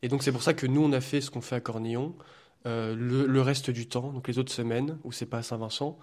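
A young man from France, a student guest in a radio studio interview, speaking hesitantly with many filler pauses. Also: mid-range voice, fairly even intonation, darkish tone. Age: young adult.

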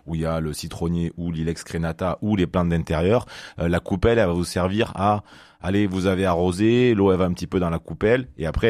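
A man's voice: low voice, no room sound. A man with a Perpignan accent, a gardening expert giving chatty advice on a radio phone-in, with lots of fillers. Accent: Perpignan French. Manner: lively, chatty, many fillers. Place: radio studio.

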